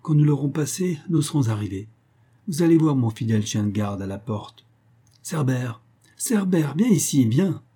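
Man reading as a coaxing, boastful underworld king in a storybook, raised voice, mellow and husky tone. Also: mid-range voice, lively intonation, normal speed. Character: smooth, possessive male king of the underworld.

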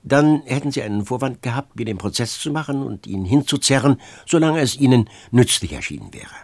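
A man's voice: mid-range voice, expressive, darkish tone, dry recording. A man doing a stern, resigned man. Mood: grave. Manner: stern, measured, firm. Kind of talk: audiobook reading.

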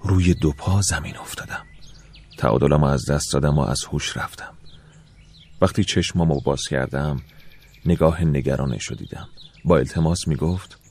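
A man narrating an audiobook in the first person, soft and reflective, with a wistful tone. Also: very deep voice, gravelly, slightly rough.

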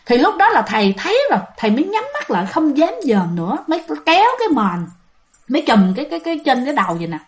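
A woman tells a ghost story in a chatty way, often speaking straight to her listeners. Her voice sits fairly high and swings widely in pitch. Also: very animated, fast. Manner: chatty, addresses listeners directly.

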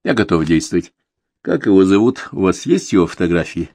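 A man reading a stubborn, calm male hired killer in an audiobook, speaking tersely and deliberately in a hoarse voice. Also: deep voice, dry recording.

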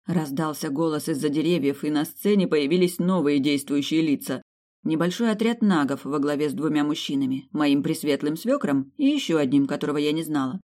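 A woman reading a humorous fantasy audiobook in first person, lively and ironic. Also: deep voice, brisk. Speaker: audiobook narrator.

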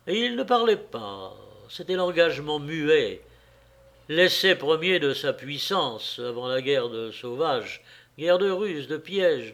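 A man reading a novel aloud as an audiobook narrator, in a slow, measured way. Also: medium pitch, a bit bright. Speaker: audiobook reader.

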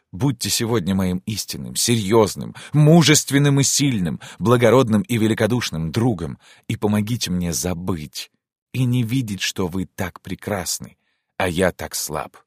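Pleading lovesick prince, man reading him, low voice, dry close mic. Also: animated, moderate pace, husky, no room sound. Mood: earnest. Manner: pleading, emotional. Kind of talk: audiobook character reading.

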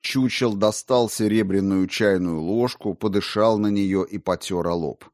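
Guy reading an audiobook, lowish voice, dry close sound, steady. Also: a little slow, no room sound. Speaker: audiobook narrator. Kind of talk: scripted narration.

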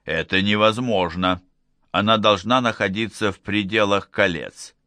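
A man's voice: on the low side, a little slow, sharp tone, dry recording. A man voicing a skeptical male scientist who sounds short of breath, in an audiobook.

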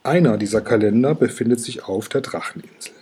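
A man voicing a small, very learned male dragon who speaks calmly and precisely, with a dark, breathy voice. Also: medium pitch, brisk.

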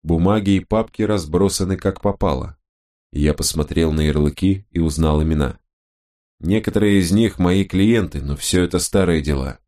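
Deep low guy reading an audiobook, first person, steady and measured. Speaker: audiobook narrator. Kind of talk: first-person scripted narration.

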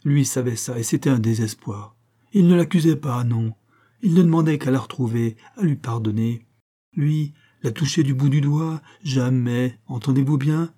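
A man's voice: mid-range voice, normal speed, warm tone, voice pushed up, close to an everyday voice. A man voicing a small, sweet-voiced young woman who speaks earnestly and with emphasis in an audiobook. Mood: pleading insistent.

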